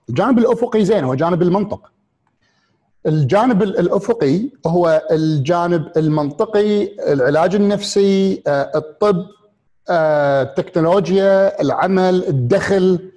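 A man with a Gulf Arabic accent giving a reflective motivational talk, asking one rhetorical question after another and pausing on fillers and restarts. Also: a little high, a little mellow. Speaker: speaker on happiness and mindfulness.

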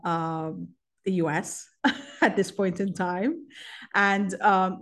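A woman hosts a podcast in an upbeat, emphatic manner. Her voice sits a little on the low side. Faint music plays under her. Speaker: podcast host. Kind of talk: podcast interview.

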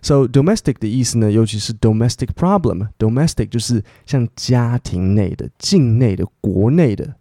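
A man's voice: mid-range voice, expressive, moderate pace, few pauses, warm tone, no echo, studio quality. A man hosting a casual English lesson podcast, spelling words letter by letter and chatting with many fillers. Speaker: English teacher podcast host. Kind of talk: bilingual English lesson, reading news and explaining words.

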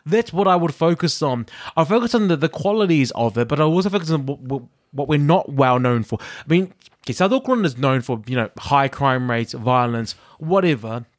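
A man from New Zealand co-hosting a casual chat, animated and joking, often repeating words as he thinks. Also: fairly high pitch, fairly quick, no room sound, clean studio sound. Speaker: podcast co-host.

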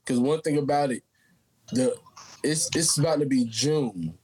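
A man's voice: medium pitch, a little slow, darkish tone, slight background noise, low-quality recording. An American man chatting casually about politics in a slangy, emphatic way.

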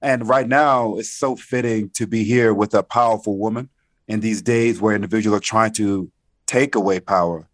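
A man hosting a podcast, energetic and casual as he opens the show. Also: on the low side, moderate pace, no room sound. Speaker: podcast host. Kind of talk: podcast intro and interview.

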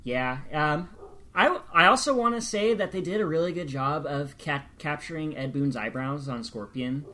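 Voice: medium pitch, expressive, normal speed, bright, forceful tone. A co-host in a casual chat podcast, chiming in with dry, wry asides.

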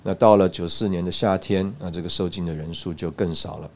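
A man from Taiwan recounting a personal church testimony, halting, with frequent "uh" and "ah" fillers. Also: low voice, steady tone, a little mellow. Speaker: church speaker giving a testimony.

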